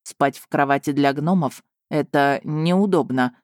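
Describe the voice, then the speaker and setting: A charming young duke who teases softly, his voice dropped low and close, as a woman reads him. It sounds dry and near, with no room around it. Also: unhurried, dry recording. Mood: coaxing. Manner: gently teasing, lowered voice.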